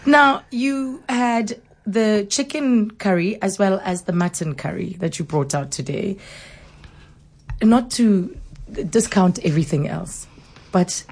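A woman's voice: on the low side, darkish tone. A woman with a South African accent hosting an informal radio interview in an effusive, chatty way. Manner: effusive, chuckles often. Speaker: radio host.

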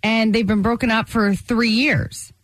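Higher-voiced woman co-hosting morning radio. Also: steady tone, a little slow, no room sound. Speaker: radio morning show host. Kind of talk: casual chat.

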